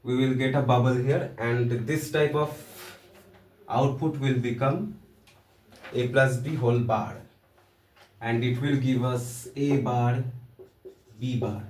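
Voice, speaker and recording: A man's voice: medium pitch, steady tone, takes it slowly, pauses often, a little mellow, slight background noise. A man with an Indian accent giving a casual, joking lesson in loose, hesitant phrasing. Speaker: teacher. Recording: roomy echo, voice from a distance.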